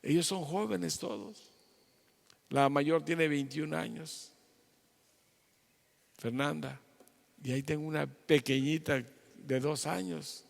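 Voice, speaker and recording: An older man preaching a sermon to viewers at home, swinging between loud exclamations and quiet pleading. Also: fairly high pitch, slow, creaky, long pauses, long reverb tail. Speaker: pastor. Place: church hall, streamed to viewers at home.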